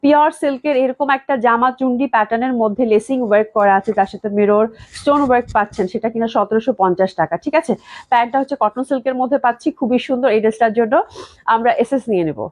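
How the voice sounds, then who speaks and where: A young woman from Bangladesh hosting a live sales stream, reading viewer comments and chatting quickly, often checking in with "okay?". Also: on the high side, darkish tone. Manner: rapid, chatty, keeps asking "okay?". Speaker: live-stream clothing seller.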